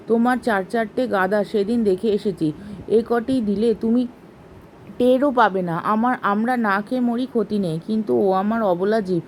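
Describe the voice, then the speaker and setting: Lady reading a gentle old farmer guy from a story, soft, pleading, kinda tearful, mellow low-key voice. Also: a little hiss or hum, natural voice. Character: poor aging village farmer, gentle and grieving.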